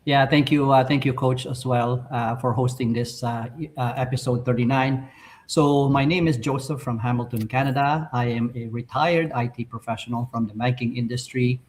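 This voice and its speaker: A man's voice: mid-range voice, fairly even intonation, moderate pace. An older man from the Philippines, a podcast guest who speaks politely with frequent "uh" fillers. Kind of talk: podcast chat.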